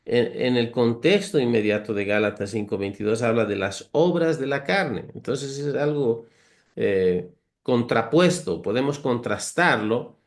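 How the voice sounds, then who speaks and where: A man of ordinary pitch leads a conversational Bible teaching, reading verses aloud and unpacking them earnestly. He lists virtues one by one and uses homely, humorous comparisons, addressing his listeners as brothers. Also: lively intonation, a little slow.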